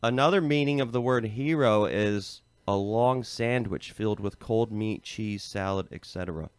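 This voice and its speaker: A man's voice: fairly low pitch, normal speed, clean tone, no echo. An American man co-hosting a podcast, casually explaining a topic with lots of fillers like "um" and "like". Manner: relaxed, filler-heavy, lots of "um" and "like". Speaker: podcast co-host.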